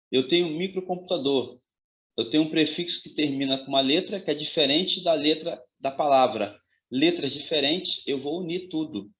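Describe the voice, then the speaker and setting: A man's voice: fairly high pitch, fairly bright tone. Emphatic man teaching a grammar class. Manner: emphatic, checks in with "ok?" and "tá?". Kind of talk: exam-prep lecture. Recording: roomy, slightly dull audio.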